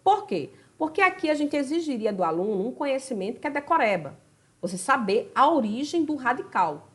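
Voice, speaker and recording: A woman's voice: sits high, big pitch swings, fairly quick. A woman with a Brazilian Portuguese accent teaching a grammar lesson, talking straight to her students and checking in with them often. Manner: chatty, addresses students directly with tag questions. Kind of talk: recorded video lesson.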